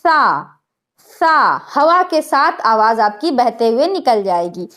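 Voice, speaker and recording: A woman's voice: on the high side, very animated, a bit bright. A woman, teaching a spoken lesson on Quran letter sounds, patiently explaining and modeling each sound aloud. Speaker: online Quran recitation teacher.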